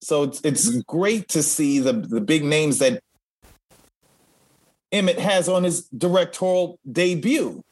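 A man co-hosting a relaxed chat show with an upbeat, playful manner and easy laughter. His voice sits a little high for a man, and he speaks slowly and without hurry. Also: breathy edge. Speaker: co-host. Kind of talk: casual podcast chat.

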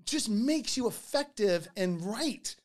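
Animated storytelling podcast host. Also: mid-range voice, slow pace. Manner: animated, repeats words when starting sentences.

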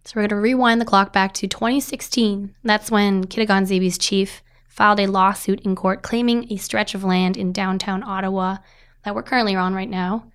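A woman reporter speaks with a scratchy, cold-roughened voice. She explains things steadily in conversation. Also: medium pitch, steady tone, normal speed. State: hoarse from a cold.

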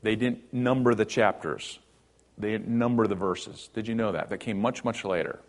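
A man preaching a sermon in a conversational teaching style, at times lifting his voice for emphasis and at times dropping it low. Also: moderate pace. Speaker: pastor.

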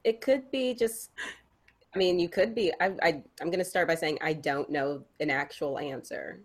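Speaking at a moderate pace in a fairly low voice, a young female podcast co-host keeps the chat casual. Her talk meanders, packed with fillers and sentences she starts over.

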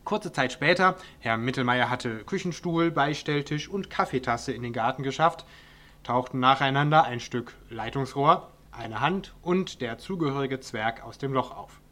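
A man's voice: medium pitch, normal speed, a bit bright. Man reading his comic story aloud. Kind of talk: audiobook narration.

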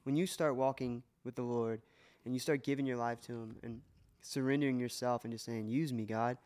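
A man's voice: mid-range voice, steady tone, fairly quick, darkish tone. Earnest man sharing faith on a podcast. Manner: earnest, emotional testimony with many restarts. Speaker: podcast co-host. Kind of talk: casual faith podcast talk.

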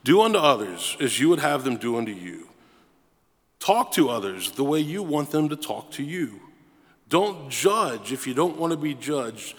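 A man's voice: mid-range voice, big pitch swings, normal speed, slightly rough, long reverb tail. A man preaching a sermon as pastor, emphatic and repeating phrases for effect.

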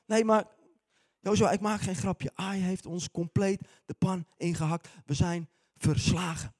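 A preacher doing a sullen, beaten soldier. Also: male voice, sits high, steady tone, a little slow, darkish tone, no room sound, clean studio sound. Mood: glum. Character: glum biblical male soldier bringing bad news.

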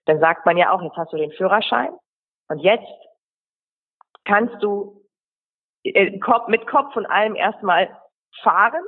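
A woman's voice: medium pitch, unhurried, pauses often, slightly rough. A woman rhetoric coach answering interview questions, explaining at length and listing examples in runs. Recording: tinny phone-like line.

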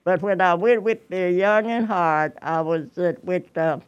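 A woman's voice: fairly low pitch, a little slow, clear, resonant tone, muffled recording. A hundred-year-old woman from Tennessee, chatting in an interview, rambling and repeating herself with frequent laughs. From Tennessee, USA. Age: 100. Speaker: choir member, interview guest. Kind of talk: casual interview chat.

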